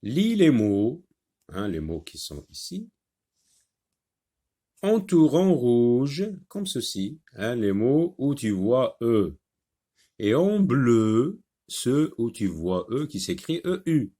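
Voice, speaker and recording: A man teaching a French phonics lesson, saying each word slowly and repeating it with patience. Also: medium pitch, big pitch swings, warm tone. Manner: slow, patient, repeats words clearly.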